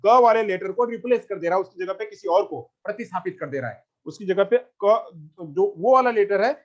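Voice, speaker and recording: A male teacher giving an exam-prep lecture, repeating himself and asking questions he then answers. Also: high voice. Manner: repetitive, asks and answers his own questions. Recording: dull lo-fi recording.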